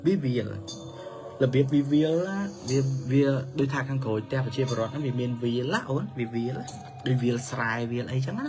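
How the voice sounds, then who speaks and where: A man narrates a children's story with a mid-pitched voice, swinging between high and low tones to bring it alive. Clear music plays beneath him the whole way through. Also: lively intonation, normal speed.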